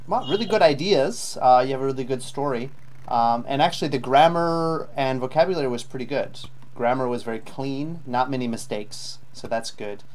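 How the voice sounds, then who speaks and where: A man's voice: medium pitch, moderate pace, a little mellow. A man teaching a live online IELTS lesson, patiently giving spoken feedback with frequent ums.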